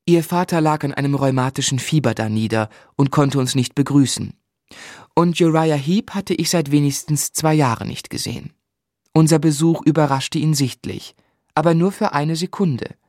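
Actor as David Copperfield, sober narrator, dry sound. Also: male voice, medium pitch, darkish tone, dry recording, lightly acted. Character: earnest, composed gentleman narrating his own life. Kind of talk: literary first-person radio play narration.

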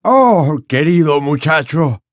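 A man's voice: on the high side, big pitch swings, slow pace, no room sound, studio quality, voice pushed up. A man voicing a tipsy, pompous older wizard professor in an audiobook, with a slurred, hiccupy drawl. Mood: shaken. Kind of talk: audiobook character voice.

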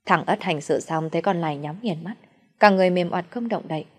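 A woman storyteller narrating a dark folk tale in a steady, even voice. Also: fairly low pitch, brisk, breathy edge.

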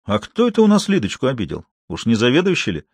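A man's voice: medium pitch, wildly swooping pitch, fast, a little mellow, breathy edge, no room sound, full character voice. A man reading an audiobook, voicing a breezy, teasing male anesthesiologist who jokes with colleagues. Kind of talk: audiobook character voice.

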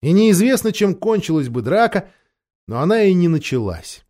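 A man reading a children's story aloud in a somewhat high voice. His delivery is animated and wide-ranging, shifting voice for each character. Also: normal speed. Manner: expressive, varies voices for characters. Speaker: narrator. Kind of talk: audiobook storytelling.

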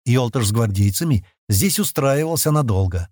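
A man narrating a fantasy audiobook in an expressive storytelling manner. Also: medium pitch, normal speed, no echo, clean studio sound.

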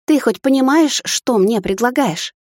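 A woman's voice: fairly high pitch, expressive, a little slow, darkish tone, dry recording, studio quality, pitched above the performer's own voice. A woman voicing a headstrong young witch who protests indignantly against her mother.

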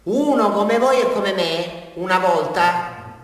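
A man with a high voice speaks slowly, playing an unhinged small-town murderer with a southern Italian accent in a theatrical radio drama. He confesses to a police brigadier in a rambling, insistent, taunting, bitter way. The sound comes from far off in an echoey hall, with faint music.

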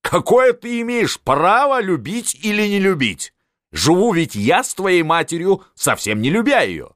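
A man's voice: mid-range voice, sing-song, a little slow, fairly bright tone, no room sound, clean studio sound, voice pushed up. A man voicing a scheming, commanding old field marshal who barks his orders, in an audiobook. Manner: barking, domineering.

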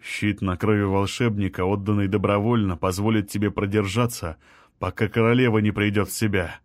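A man's voice: fairly low pitch, level tone, brisk, no room sound, studio quality, close to an everyday voice. A man doing an irritable young wizard. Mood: irritated. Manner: irritable, urgent.

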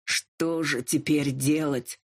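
Narrator doing a gruff dragon lord, proud, slow draggy lines, a bit husky, audiobook. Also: medium pitch. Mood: moaning. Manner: drawn-out and pleading when drunk, curt when sober. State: drunk and drowsy. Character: arrogant male dragon lord, a gruff millionaire.

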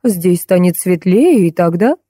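A woman reading an audiobook voices a calm, composed female interior designer. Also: fairly low pitch, husky, no room sound, clean studio sound. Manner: calm, measured.

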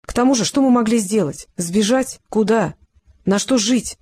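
Hesitant young man, hurt and defensive, as a reader puts him on, with a dark, husky tone. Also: mid-range voice, moderate pace, no room sound, close to an everyday voice. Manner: hesitant, then desperate. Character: young male student, hurt and hot-tempered. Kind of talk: audiobook character reading.

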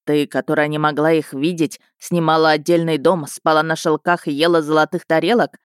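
A woman's voice: low-pitched, level tone, a little fast, clean tone, no room sound, studio quality, close to an everyday voice. A woman narrating an audiobook voices an arrogant, mocking young nobleman. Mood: scornful. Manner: mocking, contemptuous.

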